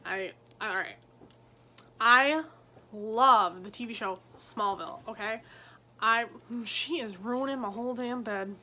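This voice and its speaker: A woman chatting casually about books she read, full of "like" and quick asides. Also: on the high side, pushed and bright. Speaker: book vlogger. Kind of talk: casual book review chat. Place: at home on her bed.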